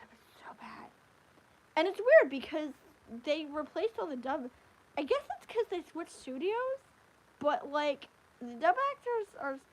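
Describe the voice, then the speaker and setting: A woman hosting a casual livestream, chatting about anime in a rambling, animated way. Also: sits high, rough recording. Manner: rambling, animated, with frequent restarts and fillers. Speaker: livestream host. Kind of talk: casual anime review chat.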